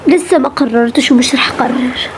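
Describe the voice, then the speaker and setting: A woman's voice: high-pitched, fairly quick, background noise, natural voice. A young woman playing a burdened, protective older sister who speaks emotionally and tenderly. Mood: worried. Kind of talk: amateur game drama voice acting.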